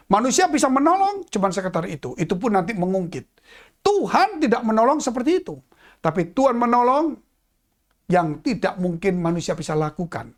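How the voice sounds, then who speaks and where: A pastor preaches in church, his voice sitting high as he addresses the congregation in a dramatic, swinging style, sinking to hushed tones and then rising again.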